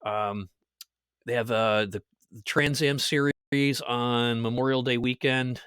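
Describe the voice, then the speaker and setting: A man hosting a podcast, telling stories in a lively casual way and laughing at his own jokes. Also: mid-range voice, slow, clean tone, no echo, clean studio sound. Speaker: podcast host. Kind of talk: casual chat.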